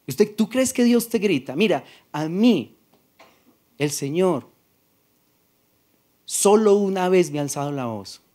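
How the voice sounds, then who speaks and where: A man with a Colombian Paisa accent preaching a sermon as pastor, soft-spoken and conversational, acting out little dialogues as he talks. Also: high voice, expressive, takes it slowly, pauses often. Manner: soft-spoken, does not shout.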